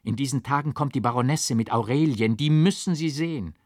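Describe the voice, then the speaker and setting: A man's voice: mid-range voice, a little fast, darkish tone, dry recording, studio quality, close to an everyday voice. A man reading the part of an earnest old man in an audiobook, coaxing and pleading, rising to fervent exhortation. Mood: insistent.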